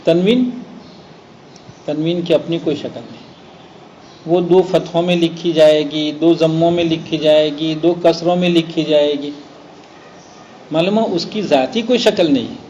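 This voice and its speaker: A man teaching a Quran recitation class. He explains slowly, draws out the example words and checks that students follow. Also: a little high, darkish tone. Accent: Gujarat Urdu. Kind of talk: classroom lesson. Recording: dull lo-fi classroom recording with faint noise.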